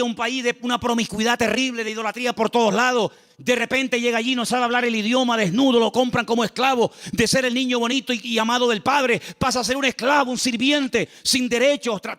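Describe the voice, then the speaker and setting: A middle-aged man, preaching a sermon as pastor in an animated way, acting out voices and asking the congregation questions. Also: extremely high pitch, long reverb tail.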